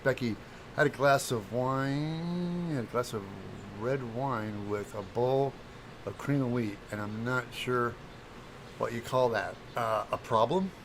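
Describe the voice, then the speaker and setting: A slightly hungover man with a phlegmy throat, hosting a casual craft livestream in a halting, distracted, apologetic way while he works and chats to viewers. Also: mid-range voice, noisy background. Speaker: livestream host, craft demonstrator.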